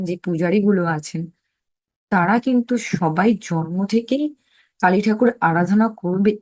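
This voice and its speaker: A woman teacher who reads English lines slowly and then explains them with frequent questions. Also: mid-range voice, darkish tone, dry recording. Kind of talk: explaining an English text in Bengali.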